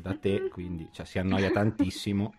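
A man's voice: deep voice, little pitch movement, moderate pace, darkish tone, husky. A man co-hosting with casual, teasing banter and jokes. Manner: teasing, joking. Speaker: co-host. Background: music.

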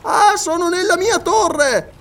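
A man voicing a shrill, excitable old scholar. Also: takes it slowly, full character voice. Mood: eager. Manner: shrill, eager, breathless exclamations. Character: excitable absent-minded male scholar, high-pitched.

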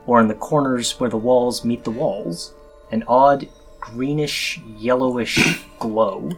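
A man running a tabletop role-playing game as game master, describing scenes in an unhurried way with pauses. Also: mid-range voice, soft background music.

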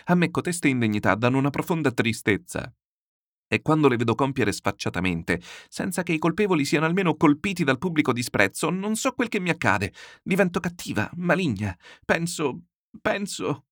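A man's voice: low-pitched, sing-song, normal speed, few pauses, no room sound, clean studio sound. A man reading an audiobook, voicing an upright young woman, the general's daughter, who pleads in a raised, plaintive tone. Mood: indignant, tearful.

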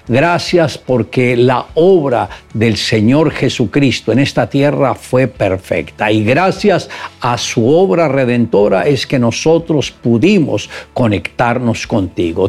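A man delivers an earnest sermon and urges his listeners toward faith before leading them in prayer. His voice carries a gravelly, creaky edge at a middle pitch. Soft music plays faintly in the background. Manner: earnest, exhortative. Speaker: preacher.

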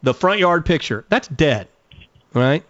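A man's voice: fairly high pitch, lively intonation, measured pace, fairly bright tone, no echo, dull audio. A man hosting a radio gardening call-in show, giving direct, folksy advice. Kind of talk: radio call-in talk and live ad read.

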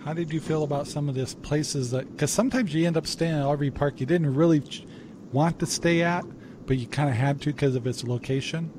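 A man hosting a casual interview, asking questions in halting, stop-start phrases. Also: a little high, darkish tone, slight background noise. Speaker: host.

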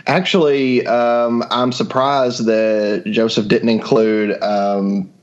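A man's voice: mid-range voice, level tone, slow pace. A man co-hosting a film podcast in casual conversation. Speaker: podcast co-host. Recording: dull lo-fi connection.

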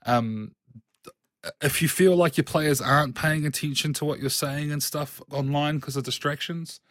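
A man chatting casually as a game master co-host, animated and emphatic, swearing freely. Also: a little high, normal speed, no room sound, clean studio sound. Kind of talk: casual chat.

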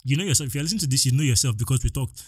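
A young man with a Nigerian accent hosting a solo podcast, talking in an animated, exasperated way straight to his listeners. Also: mid-range voice, racing, slightly rough, no room sound, studio quality. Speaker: podcast host.

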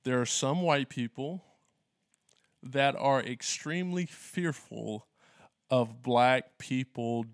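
A man's voice: medium pitch, takes it slowly, smooth, no room sound. Earnest man in a dry room. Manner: earnest, retells exchanges with animated quoted voices. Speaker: pastor. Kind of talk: conversational discussion.

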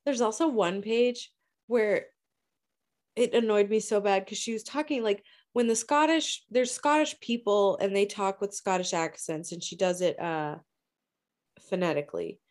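A woman co-hosting a casual book discussion, blunt and swearing freely with quick asides. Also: mid-range voice, darkish tone. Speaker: book podcast co-host.

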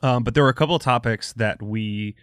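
A man's voice: mid-range voice, a little fast, fairly bright tone, smooth, no room sound, studio quality. A man hosting a podcast, chatting casually with frequent restarts and fillers. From Florida. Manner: hesitant, many restarts and fillers. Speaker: podcast host. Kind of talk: casual chat.

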